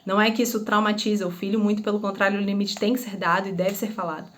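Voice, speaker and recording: A woman's voice: mid-range voice, flat delivery, quick pace, a bit bright, slight background noise. A woman and former teacher talks through parenting advice in an easy, conversational way. She keeps asking rhetorical questions and briefly acts out everyday scenes to make her points. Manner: explains with rhetorical questions and acted-out examples. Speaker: parenting educator; former schoolteacher. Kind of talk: casual advice talk to camera.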